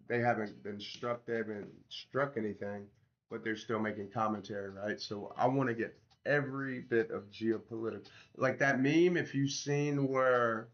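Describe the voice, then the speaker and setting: A man with a lowish, fairly bright voice chats slangily to his livestream viewers while building an app, addressing them directly in a casual, informal way. His voice hasn't fully recovered from tonsillitis and sounds sore and swollen-throated, and the audio is dull.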